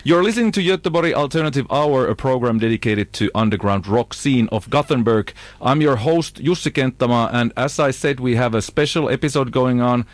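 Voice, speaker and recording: A man hosting a student radio show, interviewing a guest in a relaxed way with many fillers. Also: medium pitch, fairly quick, few pauses, no echo.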